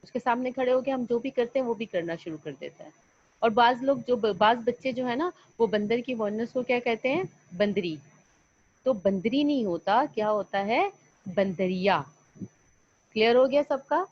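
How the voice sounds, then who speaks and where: A woman teacher giving an online lesson to young children, coaxing them along by asking questions and answering them herself. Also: fairly high pitch. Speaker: primary school teacher. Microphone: computer mic on an online class call. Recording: slightly dull lo-fi online call audio.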